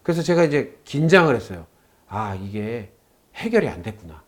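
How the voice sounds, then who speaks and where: A man's voice: medium pitch, very animated, normal speed. A man lecturing a class on saju fortune-telling. He tells a story by acting out both sides of a phone call and puts questions to his students.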